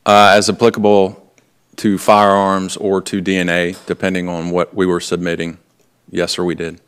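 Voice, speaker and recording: A male detective gives formal courtroom testimony in a low, flat voice. He is polite and matter-of-fact, and his delivery is clean and smooth. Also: moderate pace. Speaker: lead detective testifying as witness. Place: indoor courtroom.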